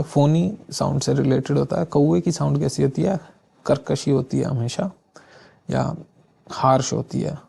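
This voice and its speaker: A man runs a relaxed vocabulary lesson, his voice heavily gravelly and dark in tone. He explains each word through playful memory tricks. He slows right down whenever he reads an English example sentence. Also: medium pitch. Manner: often adds filler checks like "theek hai". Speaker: vocabulary teacher. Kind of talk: casual exam-prep vocabulary lesson.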